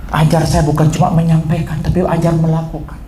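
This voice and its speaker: A man preaching a sermon as pastor, swinging from low asides to high emphatic outbursts. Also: completely flat delivery, brisk, warm tone. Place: church. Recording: echoey church hall, faint room noise.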